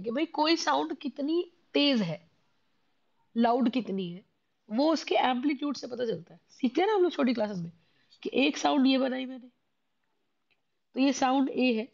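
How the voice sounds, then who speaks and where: A woman's voice: high-pitched, vocal fry. Hindi-speaking woman teaching chemistry, lo-fi. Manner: explains step by step, often repeats questions. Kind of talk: classroom lecture.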